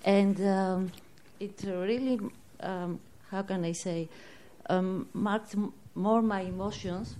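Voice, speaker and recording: A woman's voice: medium pitch, steady tone, takes it slowly, few pauses, warm tone, a little hiss or hum. A woman in the audience making a hesitant comment, often searching for words. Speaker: audience member. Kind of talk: spontaneous comment.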